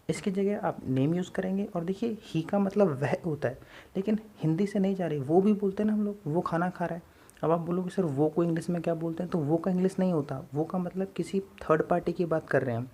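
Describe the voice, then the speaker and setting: A man's voice: a little high, a little mellow. A man with an Indian accent teaching English grammar, drilling examples over and over and switching between Hindi and English. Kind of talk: classroom grammar lesson.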